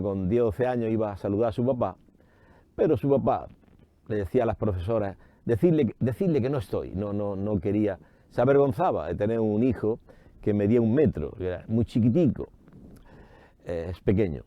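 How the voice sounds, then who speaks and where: A priest giving an animated radio sermon, raising his voice for emphasis and voicing imagined doubters higher. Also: dry recording, highs cut off. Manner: animated preaching with rising emphasis. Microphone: studio microphone.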